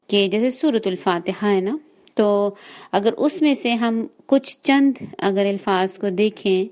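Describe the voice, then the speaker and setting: A woman teaching a class on correct recitation. She talks patiently, draws out the example words slowly and often checks that her students follow. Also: mid-range voice, darkish tone. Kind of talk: online class lesson.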